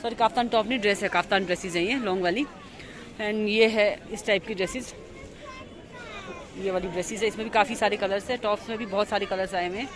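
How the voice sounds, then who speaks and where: Vlogging outdoors in a crowded market street, a fast-talking Indian woman narrates casually in a medium-pitched, steady voice. She chats away, says things more than once, and directs viewers' attention to what's around her. Her phone camera has no external mic and picks up the crowd and traffic going by.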